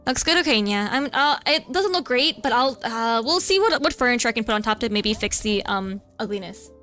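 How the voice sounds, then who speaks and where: Animated and brisk, a woman VTuber's voice is on the high side with a sharp tone, and music plays faintly behind her. She chats casually and flusteredly during her gameplay stream, tagging her lines with a cutesy "nya".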